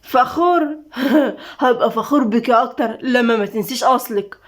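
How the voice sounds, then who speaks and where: A woman voicing a gruff, controlling, sarcastic husband in an Egyptian-accented audio story. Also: sits high, fast, natural voice. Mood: scornful. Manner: harsh, mocking. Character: gruff controlling husband, man, middle-aged.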